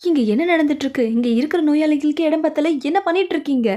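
A woman voice actor performing every role in a dramatized story reading, delivering the dialogue briskly and expressively. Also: high voice, warm tone. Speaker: voice actor reading all roles.

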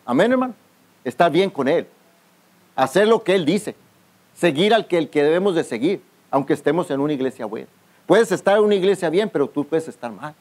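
His voice a little high and a little mellow, a man who is a pastor delivers a youth camp sermon outdoors. He keeps addressing the crowd as "brother," calling out for the congregation to respond.

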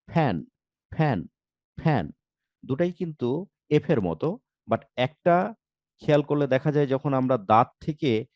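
A man's voice: mid-range voice, darkish tone, dry recording. A man with a Bangladeshi Bengali accent teaching English letter sounds, repeating each sound several times. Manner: slow, drills sounds by repeating them. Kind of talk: pronunciation lesson.

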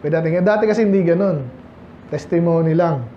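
A man's voice: on the high side, fairly quick, slight background noise. A man with a Filipino accent preaching a sermon as pastor, talking in a conversational way and reading Bible verses in English. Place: church hall. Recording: echoey church, dull lo-fi sound.

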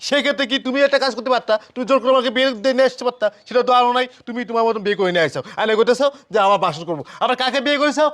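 Jilted young son played by a man, accusing and wailing, high and rapid, Bangladeshi colloquial accent. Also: fairly bright tone. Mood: indignant. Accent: Bangladeshi colloquial Bengali.

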